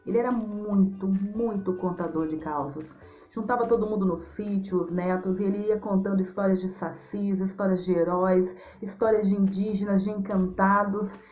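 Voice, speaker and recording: A woman's voice: medium pitch, a little mellow. A Brazilian woman from Mato Grosso do Sul, a storyteller and writer, answering interview questions for young listeners in an affectionate, effusive way. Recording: dull lo-fi sound with music.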